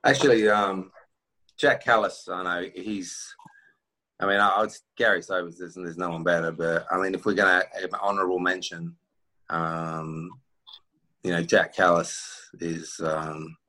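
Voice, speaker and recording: A man's voice: sits low, fairly even intonation, normal speed, sharp tone. A middle-aged man in casual, bantering sports chat as a podcast guest. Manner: bantering, conversational. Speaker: podcast guest, former cricketer.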